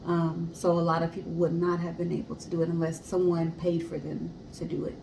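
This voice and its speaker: This woman's lowish, warm voice stays monotone and moves fairly quickly. As a podcast co-host and storyteller, she explains history on a casual story show and talks directly to listeners. The recording has a roomy echo and distinct hiss.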